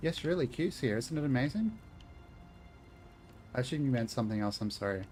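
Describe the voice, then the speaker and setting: A man's voice: mid-range voice, lively intonation, brisk, darkish tone, faint music behind. Chatty man streaming a game. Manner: chatty, joking, talks to chat. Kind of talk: casual gaming stream chat.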